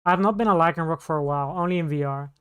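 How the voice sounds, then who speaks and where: A woman's voice: low voice, rapid-fire, smooth. A woman streamer chatting casually on a live stream, rambling and restarting her sentences. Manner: rambling, scattered, with many restarts.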